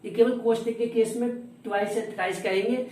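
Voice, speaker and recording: A man teaching a lesson who repeats each word slowly and spells it out letter by letter. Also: high-pitched, fairly even intonation, a little mellow. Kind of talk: classroom lesson. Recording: roomy echo, distant from the mic, faint noise.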